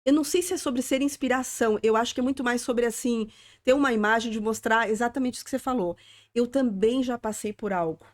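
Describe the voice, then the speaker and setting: A woman's voice: fairly high pitch, fast talker. A woman from southern Brazil with a Southern Brazilian accent, speaking as an interview guest in an earnest, reflective way, often ending phrases with a questioning tag. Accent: Southern Brazilian (gaúcho). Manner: reflective, earnest, frequent "né?" tags. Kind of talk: conversational interview.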